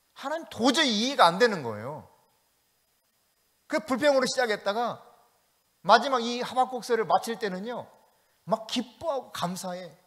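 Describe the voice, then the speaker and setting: A man's voice: sits high, a bit bright. A male pastor preaching a sermon, reading scripture aloud and asking the congregation questions. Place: church sanctuary. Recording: long church hall reverb.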